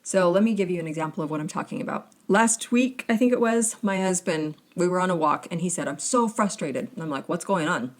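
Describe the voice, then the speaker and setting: A woman with a slightly low-pitched voice talks through a solo podcast episode. She tells stories in a loose, chatty way, often dropping in "like" as she goes. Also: fast, few pauses. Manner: chatty, conversational, filler 'like'. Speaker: podcast host.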